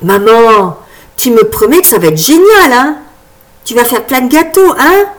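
A woman reading aloud puts on a small boy, anxious and insistent, nagging with one whiny question after another. The voice is pitched a little higher than her own and pushes forward louder, like a worried child at bedtime in an audiobook. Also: expressive, unhurried. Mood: pleading. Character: young boy, anxious and pleading.

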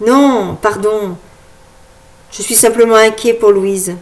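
A woman's voice: medium pitch, slow pace, close to an everyday voice. A woman voicing a teasing young father in an audiobook, light and bantering in tone.

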